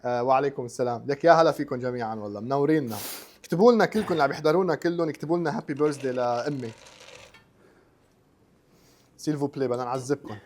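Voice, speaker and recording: Very fast-talking Lebanese man hosting live. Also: medium pitch, a little mellow, a little hiss or hum. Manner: chatty, repeats himself, mixes in English words. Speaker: host of a live online cooking show. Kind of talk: casual live chat, greeting viewers.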